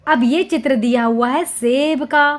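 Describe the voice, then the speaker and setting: A woman teaching small children to read, slowly sounding out each syllable and repeating every word. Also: high-pitched. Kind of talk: slow, drawn-out reading lesson for small children.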